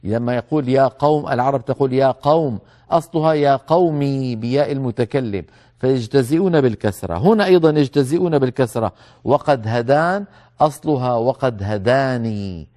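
A man giving a tajweed lesson, calmly explaining the rules and slowly repeating words to demonstrate them. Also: medium pitch. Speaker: Quran recitation teacher.

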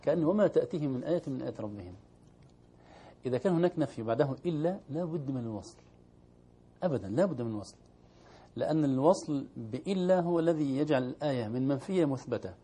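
Quick, mellow-voiced male recitation teacher. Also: mid-range voice, lively intonation, husky. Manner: models verses slowly for students to repeat.

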